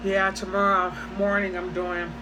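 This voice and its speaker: A woman's voice: medium pitch, little pitch movement, a little slow. Woman chewing as she talks, noisy room. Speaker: mukbang host and home cook. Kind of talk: casual mukbang chat to viewers. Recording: clearly noisy room ambience.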